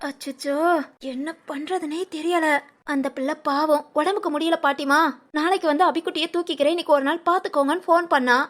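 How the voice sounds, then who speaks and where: A woman's voice: sits high, fairly even intonation, fairly quick, close to an everyday voice. A woman voicing a scolding, doting village grandmother. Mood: worried. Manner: scolding, coaxing, sing-song village talk. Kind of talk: animated family story voice acting.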